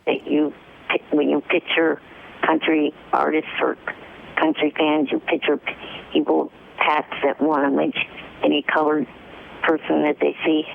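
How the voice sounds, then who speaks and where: A man calls in to a radio show, his slightly high voice heavy with gravelly fry. He argues in halting bursts and stumbles over his words. The call comes through a tinny phone line with a faint hiss behind it. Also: flat delivery. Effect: phone call played on air. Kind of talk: arguing by phone.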